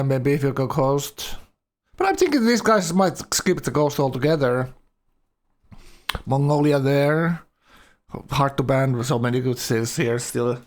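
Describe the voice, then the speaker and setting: A mid-range male voice provides casual commentary for a game tournament on a live stream. The talk is loose and rambling with frequent halts, and it sounds slightly awkward due to his numb mouth.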